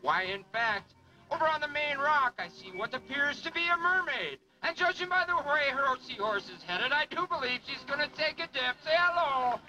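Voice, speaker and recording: A man's voice: very high voice, expressive, normal speed, few pauses, pushed and bright, muffled recording, faint music behind. A man announcing a live water ski show outdoors, with florid, hammy pirate-flavored patter.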